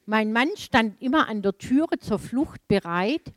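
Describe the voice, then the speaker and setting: A middle-aged woman from Germany delivers a sermon woven around a personal anecdote. She tells it with lively, laughing asides in a voice pitched a little high. The sound is dry, with no room echo. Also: a little slow. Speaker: preacher.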